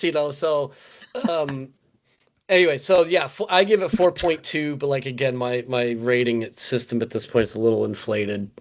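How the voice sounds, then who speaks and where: Chatty man hosting a podcast, full of fillers. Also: on the high side. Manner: loose and filler-heavy, laughs easily. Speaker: podcast host. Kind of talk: casual film review chat.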